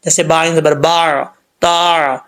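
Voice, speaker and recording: A man teaching Quran recitation rules, explaining letter by letter and slowly drawing out the recited words. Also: on the high side, level tone, fairly bright tone. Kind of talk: tajweed lesson with slow recitation.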